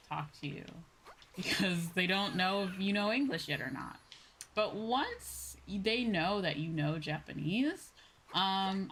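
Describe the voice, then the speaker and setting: In a rough recording with slight background noise, a woman with a lowish, somewhat bright voice streams a game and chats casually with viewers. She rambles as she thinks out loud, regularly trailing off.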